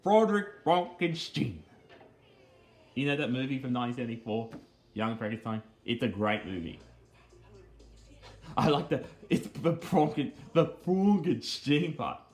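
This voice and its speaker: A man rambles casually about video game cutscenes, speaking haltingly, repeating phrases, and earnestly explaining small details. His mid-range voice swings widely in pitch, and game music plays behind him.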